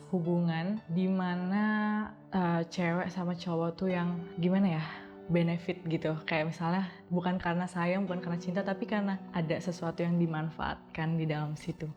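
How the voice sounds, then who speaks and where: Hesitant teenage girl, lowish voice. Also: steady tone, normal speed, a little mellow, dull audio, soft background music. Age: late teens. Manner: hesitant, thinking aloud with many fillers. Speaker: interviewee. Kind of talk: casual personal story.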